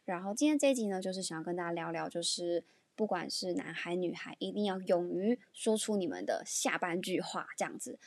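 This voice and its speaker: A young woman hosts a casual solo podcast in Taiwanese-accented Mandarin, her voice sitting a little low for a woman. She talks candidly and chattily, filling gaps with ums as she goes. The recording is close and dry, with no room echo at all. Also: expressive, a little fast, vocal fry, hardly any pauses. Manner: chatty and candid, many fillers. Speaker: podcast host.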